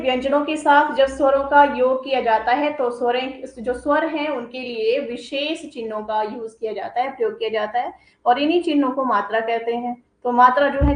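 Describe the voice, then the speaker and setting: Her voice sits high as she works through grammar in a coaching classroom: term explained first, examples after, with a "ठीक है" to confirm. The audio is roomy and low in quality.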